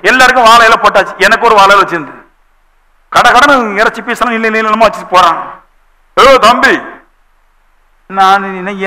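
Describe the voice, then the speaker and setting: A male pastor preaching a sermon in a church, telling lively stories and acting out the voices of the people in them. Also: high-pitched, poor audio.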